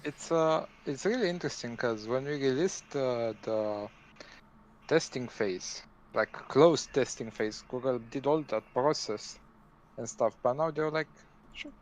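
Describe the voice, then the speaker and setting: A man's voice: mid-range voice, a little slow, low-quality recording. Matter-of-fact man on a call. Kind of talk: casual chat on a call.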